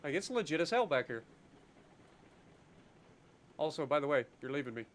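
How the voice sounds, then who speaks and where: Streaming a train game, a man with a slightly high, very animated voice chats casually at normal speed over slight background noise. His laid-back talk includes the occasional swear word.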